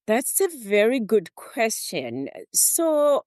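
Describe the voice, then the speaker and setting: A middle-aged woman from Zimbabwe, a therapist and motivational speaker, telling her story as a guest in a relaxed interview, laughing now and then. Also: a little high, slow, dry recording, studio quality. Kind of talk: casual interview talk.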